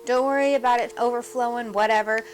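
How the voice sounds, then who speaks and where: A woman's voice: fairly high pitch, steady tone, quick pace. A woman hosting a casual cooking demonstration, chatty and upbeat, often speaking straight to her viewers with questions. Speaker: cooking show host.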